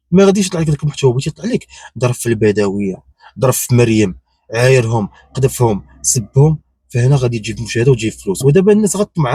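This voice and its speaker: A man's voice: medium pitch, dark tone, breathy edge, dry recording. A man with a Moroccan accent giving unscripted opinion commentary, insistent and repetitive, firing off rhetorical questions. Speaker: YouTube commentator.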